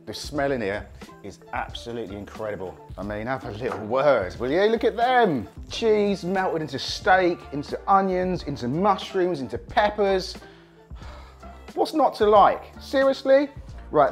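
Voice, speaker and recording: Hoarse man demonstrating a recipe. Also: mid-range voice. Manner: chatty and enthusiastic, talking to viewers while cooking. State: hoarse from a cold. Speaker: cooking show host. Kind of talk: casual cooking demonstration.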